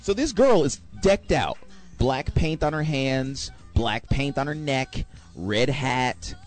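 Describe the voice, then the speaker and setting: A young man telling a rambling, animated anecdote, correcting himself as he goes. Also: mid-range voice, takes it slowly, faint music behind. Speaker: storyteller. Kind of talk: casual anecdote.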